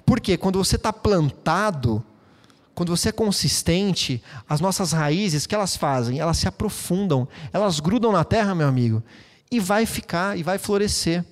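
A man preaching a sermon as pastor, lively and conversational, with playful asides to the congregation. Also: high voice, normal speed, big-room sound. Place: church hall.

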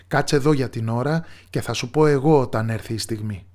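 A man voicing a quick-witted young witch's daughter, speaking briskly and decisively in a storybook tale. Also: medium pitch, a little mellow, natural voice.

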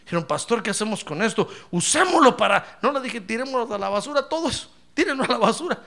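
Middle-aged male pastor, animated storyteller, high bright voice, gravelly edge. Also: quick pace. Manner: animated storytelling, addresses listener as brother, swings from hushed to shouting. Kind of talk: sermon with anecdotes.

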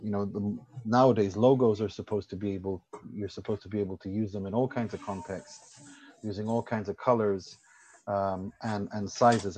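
A Swedish football journalist, guesting on a casual podcast, explains his views at length with firm confidence. His voice sits on the low side with a warm tone, and the recording is rough.

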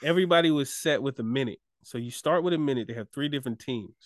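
A man's voice: mid-range voice, fast talker, no room sound, clean studio sound. A man co-hosting a casual chat, a laid-back storyteller who laughs often. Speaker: podcast co-host.

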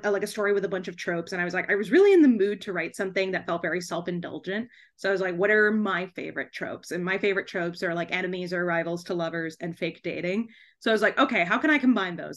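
Giggly and animated, this author chats casually as an interview guest, telling stories packed with "like". She speaks at a medium pitch.

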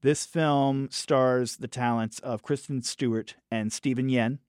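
Speaking unhurriedly in a clear, resonant, medium-pitched voice, a man reviews films in a relaxed podcast conversation recorded in a clean studio with no room sound. He's animated, restarts phrases as he thinks, and voices quoted characters loudly.

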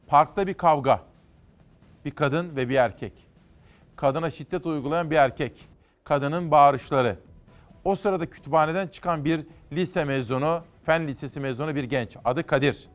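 A man's voice: on the high side, fairly bright tone. A man hosting a morning show, reading newspaper stories aloud and commenting in a conversational, emphatic way.

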